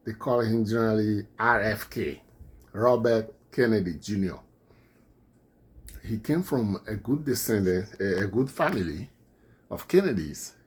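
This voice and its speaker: A man with a non-native accent, whose first language is not English, gives indignant political commentary. His husky voice rises and falls widely as he hammers his points home again and again. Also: on the low side.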